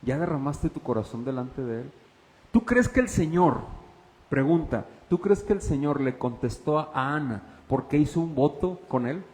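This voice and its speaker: A man preaching a sermon as pastor, questioning the congregation and swinging from loud to hushed. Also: on the high side, animated, normal speed, long reverb tail, poor audio. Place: church.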